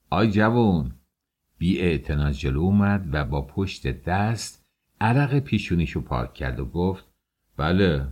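A man narrating an audiobook in an expressive storytelling manner. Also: low voice.

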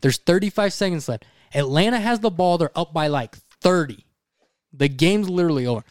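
Young male podcast co-host, slightly high voice, animated storyteller, salty language, dry close sound. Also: brisk, no echo. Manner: animated, swears freely, acts out voices in his story.

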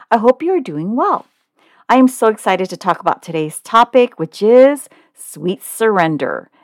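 A woman in her forties from Oakland, California hosts a podcast, delivering a scripted monologue in an upbeat, chatty, personal way. Her voice is medium-pitched, and the recording is dry and studio quality.

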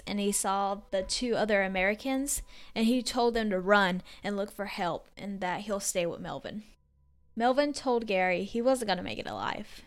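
A woman co-hosting a podcast, casually retelling a true story with fillers and acted-out quotes. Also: medium pitch. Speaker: podcast co-host.

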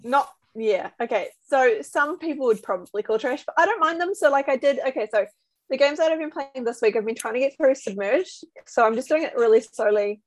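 A woman's voice: sits high, fairly quick, dry recording, rough recording. A woman in a casual gaming chat as one of a podcast panel.

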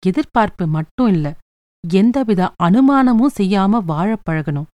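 Soft kindly storybook mom explaining things calmly, woman reading it, dry sound. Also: mid-range voice, unhurried, no echo, lightly acted. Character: gentle patient mother giving calm advice.

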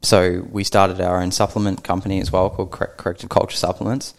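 Aussie guy on a podcast, low gravelly voice, super laid-back, swears a lot. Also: level tone, fast talker. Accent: Australian. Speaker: guest, gym co-founder. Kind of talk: casual podcast chat.

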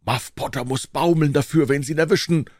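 A man voicing an agitated townsman in a crowd who talks in an excited, indignant, raised voice. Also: fairly high pitch, a little fast, dry recording, studio quality, voice pushed up, lightly acted.

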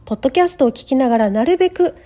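Woman, English teacher, podcast lesson, mellow tone, soft music behind. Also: high-pitched, animated. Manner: models pronunciation slowly, repeating words. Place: lives in Canada.

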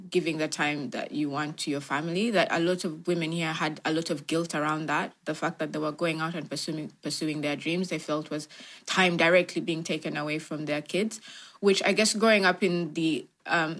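A woman's voice: low voice, fairly even intonation, a little fast, fairly bright tone. A young adult woman from Uganda, an entrepreneur answering interview questions in a reflective way, with many fillers and restarts.

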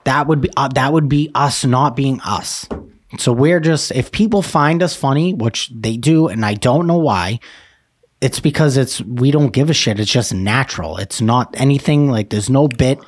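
Man co-host with a Northeastern US accent, loud and boastful, swears constantly, voice dry and close. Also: mid-range voice, normal speed, breathy edge, no room sound. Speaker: podcast co-host. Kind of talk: casual crude podcast banter.

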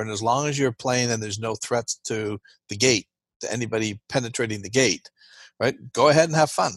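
A man's voice: mid-range voice, fairly bright tone, dry recording. A man giving an interview as a guest expert, explaining earnestly and checking in with "right?" as he goes.

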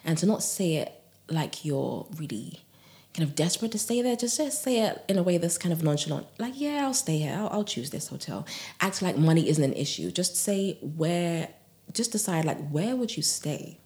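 A woman guest on a podcast, a yoga teacher and author, talking in a gentle, soothing way with frequent laughs and soft breathy asides. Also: low voice, animated, normal speed. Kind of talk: relaxed podcast conversation.

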